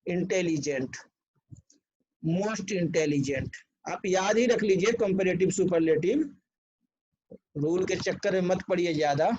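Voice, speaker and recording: A man's voice: high-pitched, takes it slowly, pauses often, darkish tone, a little hiss or hum. A man teaching an online English grammar lesson, spelling words out letter by letter and often checking whether his students follow. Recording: dull lo-fi recording.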